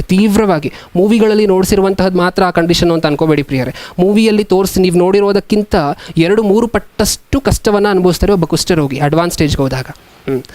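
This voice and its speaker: A man preaching a sermon as a pastor, asking the congregation many questions and reading scripture slowly. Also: high voice, a little mellow, dry recording.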